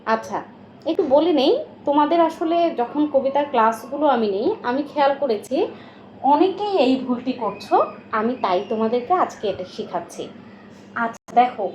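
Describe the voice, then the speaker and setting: A woman with a high-pitched, slightly mellow voice teaches a children's recitation and pronunciation class, recorded with a roomy, dull sound and faint hiss. Patient and coaxing, she asks many questions, often pausing to make sure the children are following.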